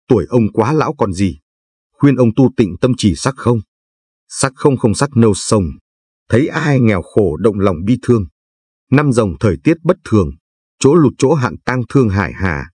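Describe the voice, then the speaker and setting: A man voicing a gentle talking tooth that softly chants advice in verse to an old man, with a husky, low voice. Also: no room sound, clean studio sound. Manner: soft sing-song verse chanting.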